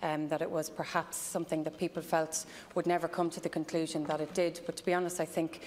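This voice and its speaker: An Irish woman speaking as a minister in parliament, measured, with some hesitant starts. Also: low-pitched, little pitch movement, a little mellow. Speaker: government minister. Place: large parliamentary chamber. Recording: reverberant chamber, some background noise.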